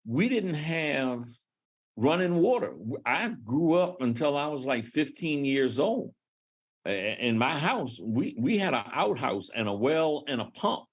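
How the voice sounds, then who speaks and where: An older man from Southern Maryland, a podcast guest, speaking in a slow, halting way with many restarts. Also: mid-range voice, very animated. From Southern Maryland, USA. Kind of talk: interview conversation.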